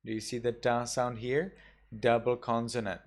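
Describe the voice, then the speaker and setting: A man, a Buddhist monk, teaching a class, going slowly through pronunciation rules and carefully repeating each example word. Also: mid-range voice, level tone. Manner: slow, patient, repeats example words carefully. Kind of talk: online class instruction.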